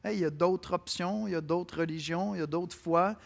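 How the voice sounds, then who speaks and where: A man preaching a sermon with a Québécois accent, speaking to listeners directly and swinging between loud declarations and quiet asides. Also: sits high, brisk, vocal fry. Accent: Québécois French. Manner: conversational, addresses listeners directly.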